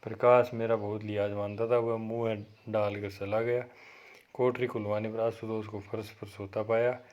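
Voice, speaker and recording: Male college lecturer, steady story reading with explanation; deep, even delivery on a dull recording. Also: moderate pace. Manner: steady read-aloud delivery with occasional self-corrections.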